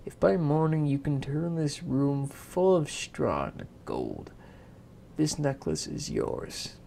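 A man's voice: fairly high pitch, sing-song, takes it slowly, vocal fry, dark tone, a little hiss or hum, exaggerated voice. A man voicing a frightened young maiden, raised and pleading. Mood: anxious. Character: frightened young miller's daughter.

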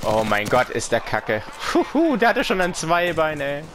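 A man's voice: fairly high pitch, huge pitch swings, moderate pace, fairly bright tone. A man giving casual, slangy gameplay commentary, reacting in short exclamations. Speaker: gaming video maker. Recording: game gunfire and noise behind. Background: video game gunfire and vehicles.

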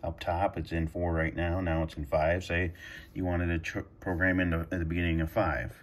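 The host of this casual video tutorial has a low voice and a flat delivery at a moderate pace. Demonstrating a radio scanner in a carpeted room at home, he unscriptedly thinks aloud and hesitates between button presses. A slight hiss or hum runs underneath.

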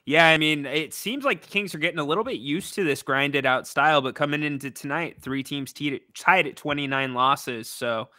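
A young man co-hosting a postgame basketball talk show from a small studio, upbeat and quick to ask questions. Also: fairly high pitch, bright, forceful tone, no room sound. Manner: upbeat, asks questions, agrees readily. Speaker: co-host.

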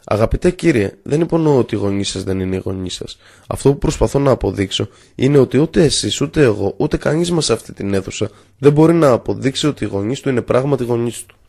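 A man voicing a calm, composed young male student who speaks gently. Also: lowish voice, gravelly. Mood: calm, gentle.

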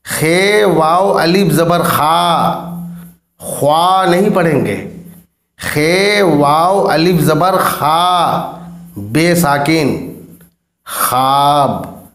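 Very slow man spelling out words. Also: on the high side, fairly bright tone, roomy sound. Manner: spells words letter by letter, drawn out. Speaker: Urdu reading teacher. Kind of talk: slow spelled-out reading lesson.

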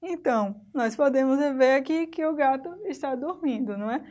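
A woman's voice: high-pitched, expressive, normal speed, mellow. A Brazilian Portuguese-speaking woman teaching a recorded remote lesson, explaining step by step and pointing things out on screen.

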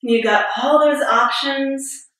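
Echoey, bright-voiced woman yoga teacher. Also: high-pitched, takes it slowly. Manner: calm step-by-step cueing, a little breathless and joking. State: a bit out of breath. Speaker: yoga instructor. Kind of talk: guided yoga class. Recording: very echoey room, voice far from mic.

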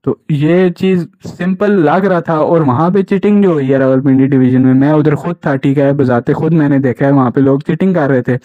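A man's voice: on the high side, normal speed, hardly any pauses, no room sound. A young man, indignantly recounting his experience as a jobs channel host and often checking in with "right?". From Pakistan. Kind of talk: casual first-person account to camera. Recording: dull lo-fi recording.

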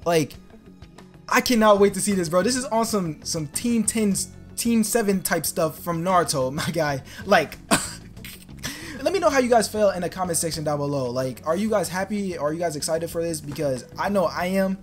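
A young man giving casual, excited commentary as he reacts to an anime preview, slangy and exclamatory, thinking aloud. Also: high-pitched, moderate pace, soft background music. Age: young adult. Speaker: reaction video creator. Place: small bedroom, indoors.

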